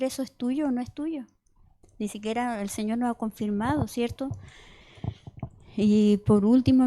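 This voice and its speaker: A woman's voice: on the high side, warm tone. A middle-aged woman gives a conversational sermon mixed with personal testimony, often restarting words and checking in with "¿cierto?". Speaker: church member preaching.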